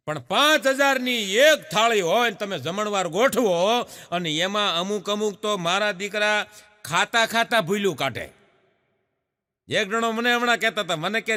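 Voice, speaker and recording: A middle-aged man, telling stand-up jokes in an animated way, laughing at his own punchlines and breaking into bits of song. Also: sits high. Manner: sings snatches of folk and film songs. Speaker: stand-up comedian. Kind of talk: Gujarati stand-up storytelling. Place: stage show before an audience in a hall.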